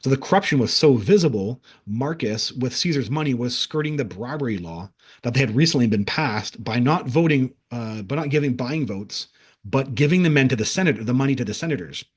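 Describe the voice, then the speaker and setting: A man's voice: medium pitch, expressive, fairly quick, slightly rough. A man casually recounting a vision in a rambling monologue, full of restarts and fillers, sometimes acting out crowd voices. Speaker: speaker recounting a past-life vision.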